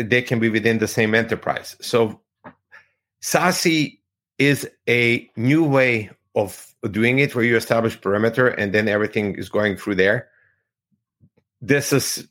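A man from Croatia, a tech executive giving measured, explanatory interview answers over a video call and sometimes searching for words. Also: lowish voice, fairly bright tone.

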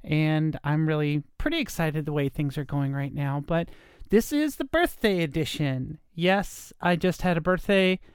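This podcast host, a woman in her fifties, has a low, unhurried, smooth voice captured cleanly in a studio without echo. Allergies leave her slightly nasal as she meanders through a solo monologue, hesitant and self-deprecating, with plenty of fillers.

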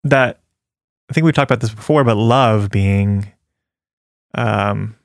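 A man's voice: on the low side, takes it slowly, creaky, no echo, clean studio sound. A man co-hosting a casual faith talk, reading scripture aloud and chatting earnestly with many fillers and easy laughs. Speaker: podcast co-host sharing a devotional.

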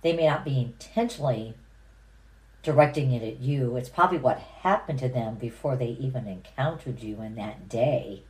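A woman co-hosting a faith-based podcast, speaking in a calm, reflective, affirming way. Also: very deep voice, moderate pace, poor audio. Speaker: podcast co-host. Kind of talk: casual faith-based conversation.

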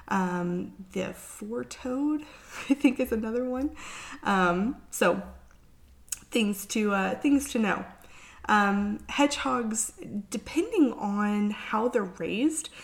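A woman hosting a casual solo podcast as a vet, sounding under the weather, weary and halting, as if hungover. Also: medium pitch, creaky. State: sick with flu-like illness, worn out. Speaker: veterinarian podcast host.

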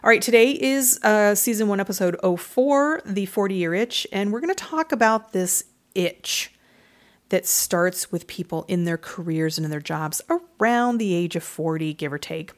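A woman's voice: medium pitch, expressive, normal speed. A woman in her forties from Michigan hosting a casual solo podcast, frank and self-deprecating, swearing freely. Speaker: podcast host and author.

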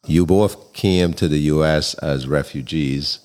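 A man hosting a podcast, reading his introduction in a measured, earnest way and interviewing guests at home. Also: extremely low pitch, a little mellow. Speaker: podcast host. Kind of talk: scripted podcast narration. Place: home kitchen.

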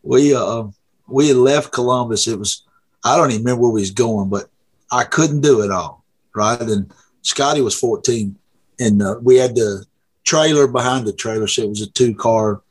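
Middle-aged guy, husky voice, folksy rambling yarn, chuckles as he goes. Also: medium pitch, moderate pace. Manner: folksy, rambling, laughs while telling. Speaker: guest, drag racer. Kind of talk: casual storytelling.

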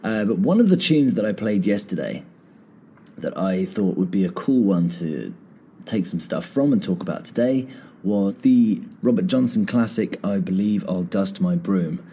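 Calmly going through finger positions step by step, a man hosts a casual guitar lesson podcast, strumming between phrases. He sits low in pitch at a moderate pace, his voice a bit croaky from singing, with slight background noise.

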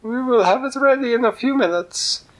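A man doing a shrill falsetto goose cook. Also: moderate pace. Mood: chirpy. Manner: shrill falsetto, sing-song. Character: fussy high-voiced female goose cook.

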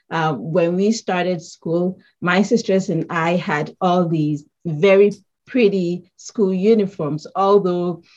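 A woman from Ghana, answering interview questions in a measured, thoughtful way and pausing with ums. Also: fairly low pitch, a little mellow, muffled recording. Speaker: guest artist.

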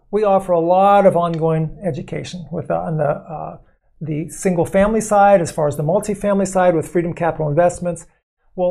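Male podcast co-host, warm mellow tone, calm explainer. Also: high-pitched, creaky. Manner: measured, explanatory, acts out quoted callers.

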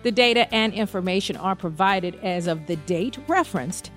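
A woman reads a scripted legal disclaimer in a formal, measured announcer's delivery. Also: fairly low pitch, soft background music.

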